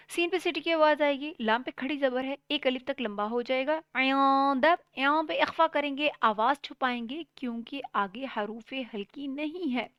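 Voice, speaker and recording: A woman from Pakistan giving a Quran tajweed lesson, reciting each word slowly and drawn out before explaining the rules step by step. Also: high-pitched, smooth, no room sound, clean studio sound. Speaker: Quran teacher. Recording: dull lo-fi recording.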